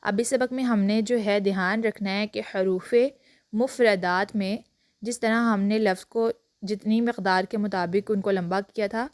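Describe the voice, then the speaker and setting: A woman, teaching a Quran reading lesson step by step and drawing out letter sounds clearly. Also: mid-range voice, fairly even intonation, no room sound, clean studio sound. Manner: slow, drawn-out letter recitation and clear explanation.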